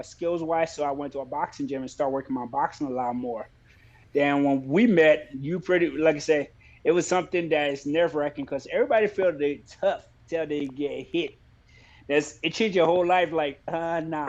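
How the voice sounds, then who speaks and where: A man from Liberia who fights professionally, talking about his career in a relaxed, plainspoken way in a casual interview. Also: fairly high pitch, lo-fi sound. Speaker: MMA fighter, guest.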